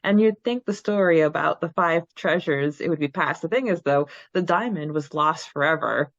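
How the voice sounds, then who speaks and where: A woman with a low voice co-hosts a podcast, chatting casually about a book at a moderate pace with a giggly manner. The recording is dry and lo-fi.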